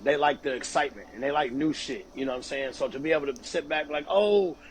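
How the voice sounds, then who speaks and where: A man's voice: medium pitch, fairly even intonation, fast talker, slight background noise. A man hosting a casual podcast chat, talking in a loose, slangy way peppered with swearing. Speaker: podcast host, interviewer.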